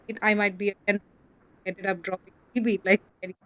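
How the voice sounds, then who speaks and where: A woman panelist answering haltingly over a remote conference call whose audio keeps cutting out. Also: medium pitch, level tone, a bit bright. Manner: hesitant, halting, with many fillers.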